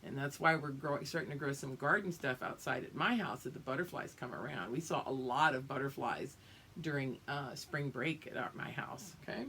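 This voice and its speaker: An extremely low female voice, with a little hiss or hum in the background, reads a picture book to young pupils. She's a teacher who lingers expressively on the story, explaining it and checking in with the children.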